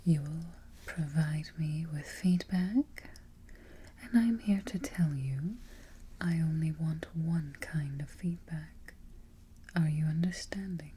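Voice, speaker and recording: A woman playing an imperious, fussy, vain evil queen in a darkly comic ASMR roleplay, with a soft, breathy near-whisper, close to the microphone and haughty in her phrasing. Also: sits low, a little hiss or hum. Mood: commanding. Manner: deliberate, haughty, formal phrasing.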